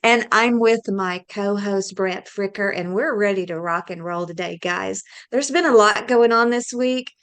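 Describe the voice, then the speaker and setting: A woman co-hosts a casual talk show with an upbeat, folksy manner. Her voice sits at a middle pitch for a woman, and her talk is loose and friendly. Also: normal speed, hardly any pauses, fairly bright tone, clean tone. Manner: laughs often, upbeat and folksy. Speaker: co-host. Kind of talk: casual podcast chat.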